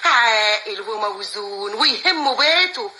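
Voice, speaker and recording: A woman's voice: medium pitch, expressive, measured pace, heavy background noise, natural voice. An actress playing a motherly, persuasive older neighborhood woman, with an Egyptian accent. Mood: coaxing. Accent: Egyptian Arabic.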